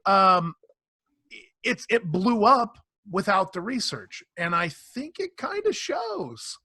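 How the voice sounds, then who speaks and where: A man hosting a casual online panel discussion, animated and quick to laugh, acting out quotes in playful voices. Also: high-pitched, husky, no echo. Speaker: panel host.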